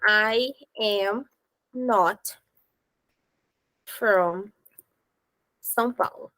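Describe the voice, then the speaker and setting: A woman teaching an English grammar class, explaining step by step and slowing down to spell out examples. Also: medium pitch, sharp tone, no echo, poor audio.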